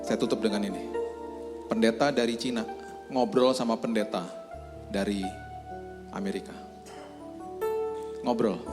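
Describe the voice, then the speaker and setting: A man preaching a sermon as pastor, telling stories and acting out the people in them with his voice rising and falling. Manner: storytelling, acts out quoted voices with big pitch leaps. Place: church hall. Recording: church hall reverb with faint music.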